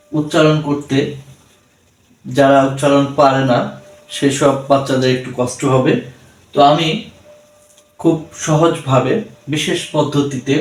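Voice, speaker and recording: A man's voice: mid-range voice, darkish tone, recorded from a distance. A man with a Bangladeshi accent teaching English pronunciation to children, spelling words letter by letter and sounding out each syllable. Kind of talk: slow tutorial for children. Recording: echoey room, speaker away from mic.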